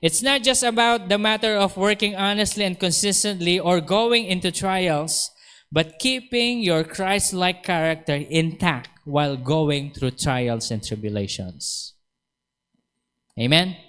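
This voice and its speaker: A man with a Filipino accent preaching a sermon as a pastor, animated and acting out quoted dialogue, chuckling between points. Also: high-pitched, slow pace, clear, resonant tone.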